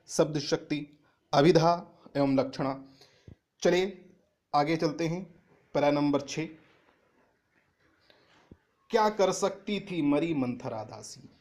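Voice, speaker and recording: Hindi teacher man explaining verse lines. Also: darkish tone. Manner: reads each verse line, then restates it in simple words; rises in pitch and volume on emphatic paraphrases. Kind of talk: reading and explaining a Hindi poem.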